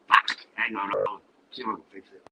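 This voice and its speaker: A man's voice: fairly low pitch, little pitch movement, fast, gravelly, pushed and bright, slight background noise. An Australian man calling into a casual live chat, his voice muffled and faint as if underwater because of a faulty microphone, talking bluntly with casual swearing. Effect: muffled, underwater-sounding faulty microphone. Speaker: caller joining a live stream. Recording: faint, distant, muffled bad mic.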